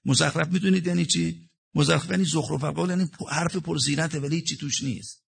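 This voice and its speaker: Gravelly-voiced man delivering a sermon. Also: fairly high pitch, fairly even intonation. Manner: explains Arabic verses in plain talk, shifting between hushed and raised delivery. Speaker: preacher. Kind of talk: religious sermon with Quranic recitation.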